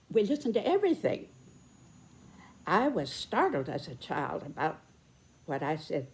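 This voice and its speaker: Very old American woman, slow and low. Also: darkish tone. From United States. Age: 90s, very old. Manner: deliberate, earnest, emphatic phrasing with pauses. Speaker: video host, personal commentator. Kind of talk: reflective spoken commentary and reminiscence to camera.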